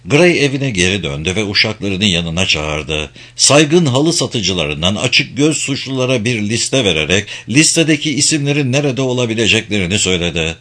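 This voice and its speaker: Male audiobook narrator, dramatic storytelling with a lively, varied pitch. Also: normal speed, hardly any pauses.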